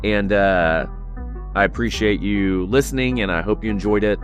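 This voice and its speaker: A man hosting a podcast, telling a story in an animated way with lots of "like"s. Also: fairly low pitch, moderate pace, highs cut off, faint music behind. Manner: animated, many "like"s, acts out voices.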